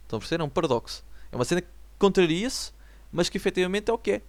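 A man in his twenties speaks with a European Portuguese accent in a loose solo vlog chat. His voice sits a little high and the sound is dry and close. He rambles through slang and keeps checking that his listeners follow. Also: animated, rapid-fire, no room sound. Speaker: vlogger. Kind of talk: casual solo chat to viewers. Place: at home.

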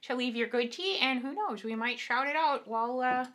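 A woman's voice: high-pitched, moderate pace, fairly bright tone, slight background noise. A woman co-hosting a podcast, chatting casually and offering supportive, encouraging words. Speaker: podcast co-host. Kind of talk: casual chat.

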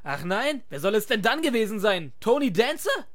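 A woman's voice: a little high, very animated, normal speed. A woman voicing a lofty male god in a comedy dub parody, speaking in a dry, mock-solemn way.

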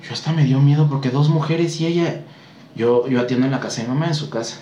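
A man's voice: mid-range voice, fast talker, lo-fi sound, slight background noise. A man with a Mexican accent, a guest telling stories in casual chat and acting out what people said to him. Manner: animated storyteller acting out quotes. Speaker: guest spiritual consultant. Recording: roomy echo, faint background ambience.

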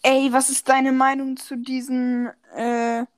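A woman's voice: high-pitched, level tone, slow pace, clean tone. A young woman in casual chat, giggly and teasing, rambling freely with a friend. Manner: giggly, teasing, sings playfully. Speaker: podcast co-host.

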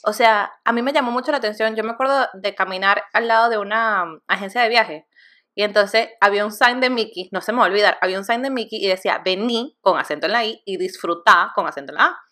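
Bright-voiced Venezuelan woman chatting. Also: medium pitch, quick pace. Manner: chatty, tells personal anecdotes. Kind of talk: casual podcast chat.

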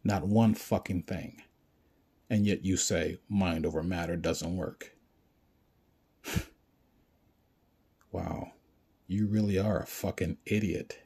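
A man's voice: deep voice, fairly even intonation, slow pace, creaky, long pauses, mellow, breathy edge. A man delivering a profane, confrontational rant straight at the listener and insulting them as he goes. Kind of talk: ranting monologue.

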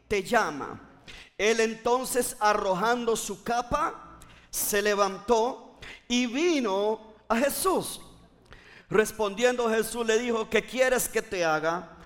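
A man's voice: high-pitched, big-room sound. A male pastor preaching a fervent sermon, repeating phrases and urging the congregation to respond. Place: church.

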